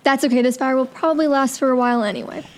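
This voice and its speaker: A young woman plays a cautious, guarded teenage girl in a naturalistic drama. Her voice is high. There is faint ambient noise in the background. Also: steady tone, rapid-fire, close to an everyday voice.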